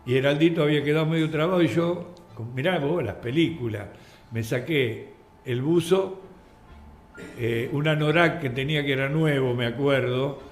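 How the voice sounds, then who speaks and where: An older man with an Argentine accent, a radio guest telling anecdotes in a lively way and acting out the voices in his stories. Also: mid-range voice, moderate pace. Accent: Argentine Spanish. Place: radio studio. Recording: roomy radio studio with faint music.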